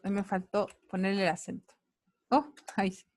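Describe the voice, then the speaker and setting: A woman's voice: mid-range voice, fairly even intonation, darkish tone. A woman with a Chilean Spanish accent teaching an online science class, checking in with students often and praising their answers. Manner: checks in often with quick tags, upbeat praise.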